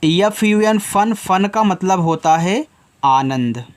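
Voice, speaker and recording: A man teaching a slow, patient phonics lesson to children, spelling each word letter by letter and addressing the learners as children. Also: sits high, animated. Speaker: English teacher.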